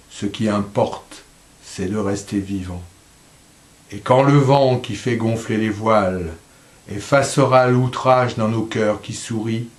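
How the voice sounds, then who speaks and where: A man reciting poetry in a slow, solemn voice, letting line endings drop softly. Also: mid-range voice, roomy sound. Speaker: poetry reader.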